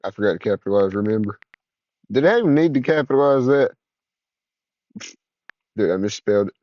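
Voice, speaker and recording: A man's voice: on the low side, lively intonation, a little fast, no echo, muffled recording. A man casually dictating notes in an offhand, self-correcting way. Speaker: user giving instructions. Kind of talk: casual spoken prompts.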